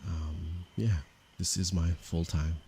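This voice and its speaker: A man from Canada, a meditation teacher, speaking softly and unhurriedly to viewers of his livestream. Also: low-pitched, steady tone, creaky, slight background noise. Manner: slow, soft-spoken and unhurried, with pauses. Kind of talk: calm livestream talk to viewers.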